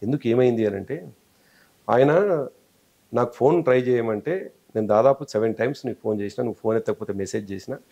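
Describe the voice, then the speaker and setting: A man's voice: mid-range voice, fast talker, vocal fry, pauses often, warm tone. A man with a Telangana Telugu accent, an interview guest telling a long story and acting out quoted speech.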